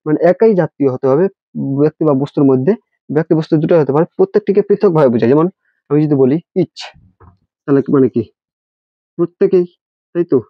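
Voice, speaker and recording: A man's voice: on the high side, fast talker, pauses often, no echo. Man spelling out English grammar terms. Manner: spells words letter by letter, asks rhetorical questions. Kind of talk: classroom-style grammar lesson. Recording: dry, dull lo-fi recording.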